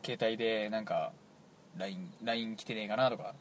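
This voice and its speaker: A man from Toyama with a Toyama dialect, telling a rambling, animated story as a radio show co-host in casual chat. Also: fairly low pitch, moderate pace, slight background noise. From Toyama, Japan. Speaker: podcast co-host.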